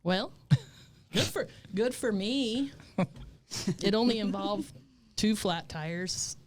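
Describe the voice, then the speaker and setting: A woman in her fifties telling stories as a guest in a casual interview, blunt, profane and animated. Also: mid-range voice, slow pace. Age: 50s. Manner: animated storytelling.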